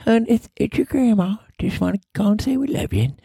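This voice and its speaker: A man voicing a sugary, scheming Southern grandma with a deep Southern accent, in a comic character impression. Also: big pitch swings, fairly quick, gravelly, warm tone, breathy edge, dry recording, clean studio sound, exaggerated voice. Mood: syrupy, coaxing. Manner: cloyingly sweet, folksy.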